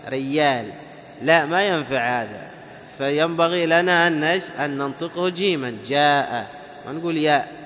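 Arabic teacher in an echoing hall. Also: male voice, fairly high pitch, sharp tone. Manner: demonstrates sounds, asks and answers his own questions. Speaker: teacher of Quran recitation. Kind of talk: classroom lesson on pronunciation. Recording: muffled recording in a long-echo hall.

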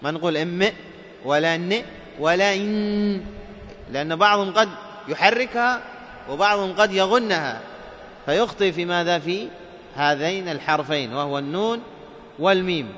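A man teaching the rules of Quran recitation. He quizzes listeners with questions and chants the examples slowly. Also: high voice, fairly bright tone, a little hiss or hum. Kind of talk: tajweed lesson. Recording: dull lo-fi sound with long reverb.

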